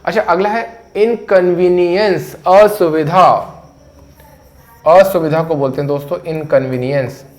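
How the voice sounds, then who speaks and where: Man, English teacher, chatty, repeats words slowly, slightly high voice. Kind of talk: explaining English vocabulary in Hindi.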